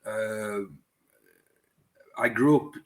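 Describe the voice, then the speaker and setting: A man's voice: fairly low pitch, fairly even intonation, extremely slow. Reflective man in his forties. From West Yorkshire, England. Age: 40s. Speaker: dentist guest. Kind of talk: reflective conversational interview.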